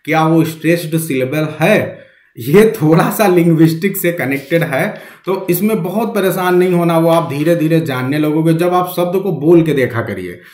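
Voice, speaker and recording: Male literature teacher, higher voice, live class in a roomy echo, coaxing and quizzing. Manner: coaxing, quizzes students, mixes English terms into Hindi.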